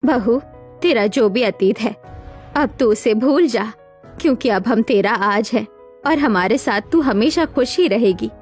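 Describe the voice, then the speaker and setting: A caring middle-aged mother-in-law in a dramatized moral story voiced by a woman. She reassures gently and motherly, in a high voice. Soft music runs beneath. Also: expressive, a little slow.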